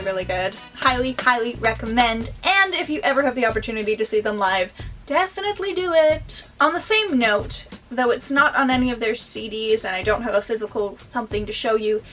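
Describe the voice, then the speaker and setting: A woman's voice: a little high, a bit bright. A young woman vlogging about her favorite things in a bubbly, enthusiastic, chatty way. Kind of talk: casual favorites vlog.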